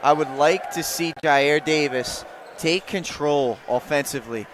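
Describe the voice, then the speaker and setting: Guy doing color commentary on a hoops game, kinda high voice, gym noise clearly behind him. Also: unhurried, fairly bright tone. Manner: analytical, coaching-minded remarks. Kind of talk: live basketball color commentary.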